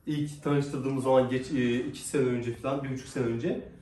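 A man's voice: mid-range voice, fairly even intonation, moderate pace, dark tone, recorded from a distance. A man vlogging at home with his dogs, coaxing them with affectionate commands while chatting to viewers. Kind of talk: casual vlog talk to dogs and viewers. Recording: echoey, off-mic, noisy background.

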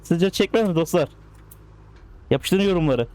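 A man giving casual, excitable commentary while playing a driving game, coaxing the cars along as if they were pets. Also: fairly high pitch, unhurried. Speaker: gaming channel host.

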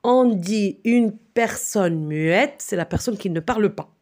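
A woman's voice: medium pitch, slow pace, a little mellow. A middle-aged woman teaching a primary spelling lesson with patience, checking in often with the class and with parents. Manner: patient, repeats "d'accord?".

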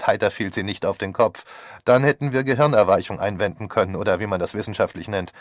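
A man's voice: lowish voice, a little fast, dry recording, studio quality, close to an everyday voice. A man reading an audiobook voices a flippant young man who talks in a breezy, sardonic way. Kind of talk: audiobook character voice.

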